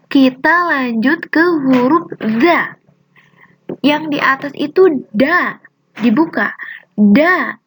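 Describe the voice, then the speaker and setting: A woman teaching young children to read Quranic letters, drawing out each syllable in slow drills and quietly praising them. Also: high voice, slight background noise.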